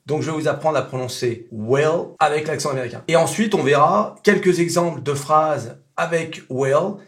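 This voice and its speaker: A native French speaker giving a casual pronunciation lesson, repeating sounds slowly to demonstrate them. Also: male voice, fairly high pitch, fairly bright tone. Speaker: English pronunciation teacher.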